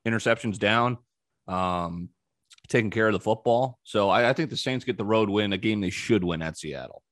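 Casting note: man hosting a betting show, low voice, dry close sound, chatty and opinionated. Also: normal speed, fairly bright tone, no room sound. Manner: breezy, opinionated, frequent ums. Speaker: sports betting podcast host. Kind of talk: casual sports betting talk.

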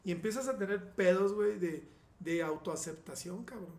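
A man's voice: sits high, moderate pace, a little mellow. A man with a Mexican accent, a surgeon talking bluntly and casually on a podcast, full of slang and swearing. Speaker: surgeon guest. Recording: roomy echoey room.

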